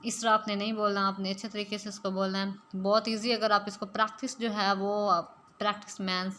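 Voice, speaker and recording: A woman English teacher gives a spoken-English lesson at a middling pitch, with flat delivery, a moderate pace, and a sharp tone. She explains patiently, step by step, dropping English phrases into her sentences, while a faint hiss runs under the recording.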